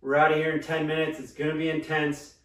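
High-pitched male workout coach, distant and roomy. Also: flat delivery, fast, fairly bright tone. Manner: calling out short instructions while exercising. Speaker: fitness coach and workout host. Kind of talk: home workout instruction. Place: living room at home, indoors. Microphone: far camera. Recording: roomy, distant camera mic with clear noise.

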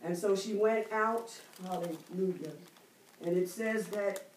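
Recorded from afar by a camera with no mic, a middle-aged woman of medium pitch teaches a Bible study like a preacher, lengthening key words and prompting replies from those present. The setting is a bookshelf-lined church library room, and the audio is echoey with a noisy background.

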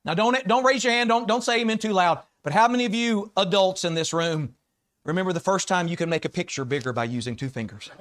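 A middle-aged American man preaches in a church, his voice sitting high for a man. He tells folksy stories in a quiet, chatty tone, then rises to shouted emphasis on the scripture. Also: fast talker. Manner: folksy, conversational storytelling between scripture readings. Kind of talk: sermon. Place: church sanctuary.

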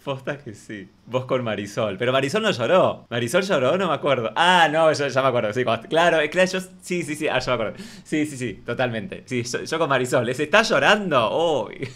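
Fast-talking Argentine man, comic host. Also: medium pitch, animated, a bit bright. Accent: Argentine Spanish. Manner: rapid, chatty, theatrical asides. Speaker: comedic news-parody host. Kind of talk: casual comedic commentary.

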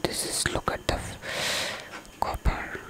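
A man in his twenties whispering soothing ASMR, breathy and very close to the microphone. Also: slow pace, bright, forceful tone. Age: 20s. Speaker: ASMR channel host. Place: small room indoors. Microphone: close fluffy-covered mic hung in front of the mouth.

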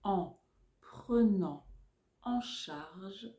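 A woman, around her forties, dictating like a teacher, deliberately and carefully articulated, phrase by phrase. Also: mid-range voice, animated, mellow, roomy sound. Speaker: French teacher giving dictation. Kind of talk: dictating, reading phrase by phrase with punctuation spoken aloud. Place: small furnished room indoors.

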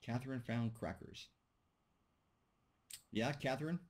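Man, teacher on a video call, casual joking manner, medium pitch. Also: unhurried, darkish tone. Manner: casual, joking, thinks aloud. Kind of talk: online class discussion. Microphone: computer mic on a video call.

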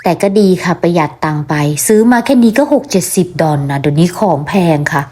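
A woman's voice: on the low side, animated, fast talker, noisy background. A middle-aged woman chatting through a casual family vlog, telling stories and putting on playful voices when she quotes people. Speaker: vlogger mother.

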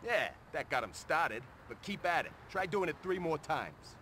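An actor playing a greedy, pushy worker in a video game, brash and wisecracking. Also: male voice, fairly high pitch, very animated, moderate pace, sharp tone. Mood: brash scheming. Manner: brash wisecracking streetwise talk. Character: greedy blue-collar male worker, pushy schemer.

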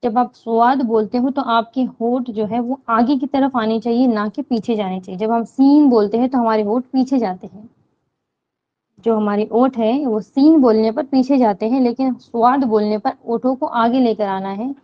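A woman teaching Quran recitation rules, explaining slowly and answering her own questions, with drawn-out chanted recitation of verses. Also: on the high side, dull audio. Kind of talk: slow step-by-step tajweed lesson.

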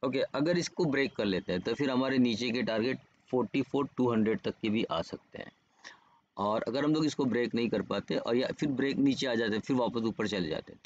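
This man, a trading educator and host, narrates a screen recording of charts with a loose, explanatory market analysis, frequently adding check-in tags for the listener. The mid-range voice comes through a muffled, dull lo-fi voice-over with a bit of hiss or hum.

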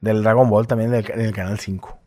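A man's voice: lowish voice, steady tone, fairly quick, darkish tone. A Mexican man co-hosting a podcast, chatting casually with crude, joking slang. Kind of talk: casual chat.

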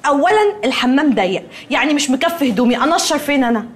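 An actress with an Egyptian accent playing a brash, sharp-tongued poor young woman who mocks and jeers at others. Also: high voice, lively intonation, very fast. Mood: mocking. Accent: Egyptian Arabic. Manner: mocking and loud-mouthed. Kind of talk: TV comedy series acting.

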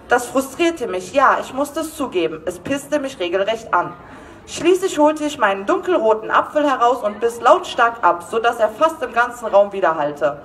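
Woman author, live reading, fairly high voice, distant sound. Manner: animated reading, laughing and losing her place. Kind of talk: live public reading of a romance novel. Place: event hall.

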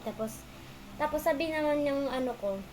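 A woman telling her own story in a casual, rambling way, often halting and restarting. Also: high voice, background noise.

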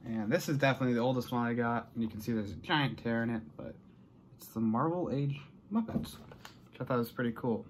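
This vlogger, a young adult American man, talks a little fast in a medium-pitched voice while presenting a collection haul in a small bedroom. It's loose, rambling, unscripted chat to camera, with a little hiss or hum behind it.

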